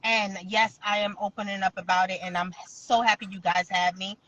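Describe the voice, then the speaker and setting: A woman's voice: mid-range voice, steady tone, moderate pace, a bit bright, low-quality recording. A woman guest on a live talk show, crying as she tells an earnest personal story with insistent emphasis.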